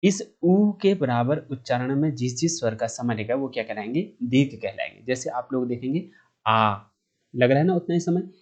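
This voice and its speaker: A man's voice: medium pitch, lively intonation, normal speed. Man teaching, drawing out long vowels. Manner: explains step by step, asks himself questions and answers them; draws out vowel sounds to show their length. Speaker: Sanskrit grammar teacher. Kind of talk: online grammar lesson.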